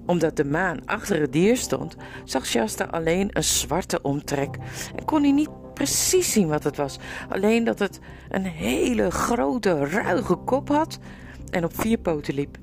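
A woman's voice: mid-range voice, big pitch swings, a little slow, vocal fry, darkish tone, faint music behind. A woman narrating a storybook expressively, with vivid storytelling. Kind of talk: storybook reading.

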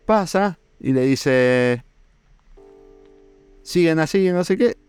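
A young man with an Argentine accent hosting a podcast, telling a story in a casual, animated way with lots of fillers. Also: fairly high pitch, smooth, no echo, faint music behind. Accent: Argentine Spanish. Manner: animated, drawn-out fillers, laughs while telling. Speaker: podcast host.

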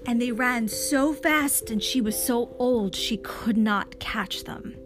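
Slow, gentle woman telling a bedtime story. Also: on the high side. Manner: slow, gentle, dropping to a whisper. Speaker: babysitter. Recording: storytelling over clear background music.

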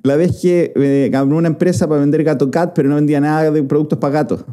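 A man's voice: on the high side, quick pace. Playful storytelling man. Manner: playful, animated storytelling with fillers. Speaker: podcast co-host. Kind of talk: casual chat.

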